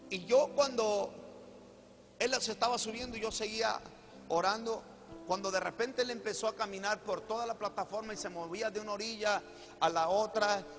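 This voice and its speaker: High-voiced Mexican preacher telling his story. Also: steady tone, normal speed, a bit bright. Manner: storytelling, repeats phrases, addresses audience directly. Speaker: preacher giving testimony. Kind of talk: sermon testimony. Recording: echoey hall with music behind.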